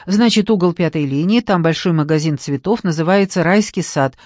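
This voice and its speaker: A woman's voice: lowish voice, fairly quick, darkish tone, no room sound, studio quality, natural voice. A woman reading an audiobook, voicing a flustered, apologetic shop worker who speaks in a hesitant, muffled way.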